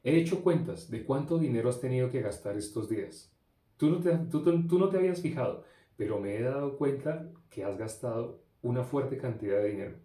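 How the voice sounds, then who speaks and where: A stern, angry father, voiced by a male preacher, questions his son in a firm, slow, insistent way. His voice is dark and mellow. The sound rings out in an echoey room. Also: medium pitch, lively intonation, lightly acted.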